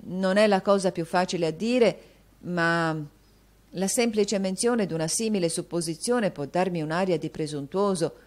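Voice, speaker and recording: An earnest young male tutor, flustered and indignant, pressing his point with rising passion, as a woman reading the story puts him on. He talks in an insistent, pleading way, somewhat low-pitched. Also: normal speed, lightly acted.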